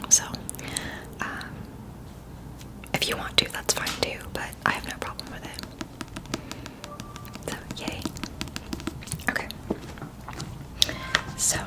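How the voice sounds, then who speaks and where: A woman in a whispered role-play, chatting as if to a close friend, keeping hushed and quiet at night so nobody wakes. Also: rough recording. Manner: quiet at night, hushed so as not to wake others. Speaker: ASMR performer.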